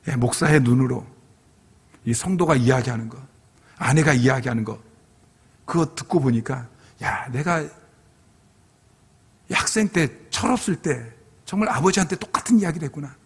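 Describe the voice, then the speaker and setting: A man's voice: mid-range voice, lively intonation, moderate pace, long pauses, breathy edge. A middle-aged male pastor giving a revival sermon as a personal testimony, telling his story earnestly and acting out his own past pleas. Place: church sanctuary. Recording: long hall reverb.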